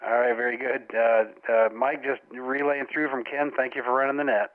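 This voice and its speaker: A man's voice: medium pitch, little pitch movement, normal speed. A man relaying messages casually as an amateur radio operator over a crackly walkie-talkie style link. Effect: crackly walkie-talkie style radio transmission. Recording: tinny narrow-band two-way radio, dry.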